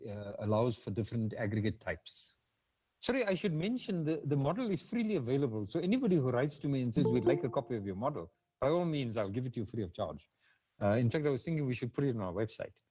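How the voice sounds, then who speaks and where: A man with a South African English accent lecturing over a video call, his voice mellow and dark. He speaks haltingly, with fillers and repeated words as he works through technical answers. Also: medium pitch, animated, slightly rough. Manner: hesitant, with frequent fillers and restarts. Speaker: guest speaker. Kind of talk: webinar lecture and Q&A.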